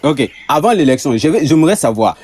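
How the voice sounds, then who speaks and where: A man's voice: fairly high pitch, big pitch swings, brisk, darkish tone, breathy edge. A man from Ivory Coast, a caller in a heated online debate, who stumbles and repeats words as he argues. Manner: hesitant, repeats words, gets defensive.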